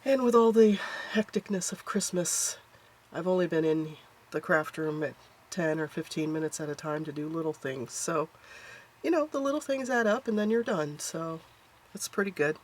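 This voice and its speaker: A woman's voice: low voice, normal speed, darkish tone. A woman hosting a casual craft journal flip-through from her home craft room, talking in a chatty, homey way with a stuffed-up, nasal voice. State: stuffed up, congested nose. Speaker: craft channel host.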